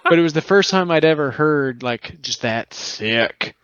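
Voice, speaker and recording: A man's voice: a little high, animated, a little slow, a bit bright, smooth. A young man from Montana telling long, rambling, profane stories in casual podcast chat. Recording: slightly dull, dry sound.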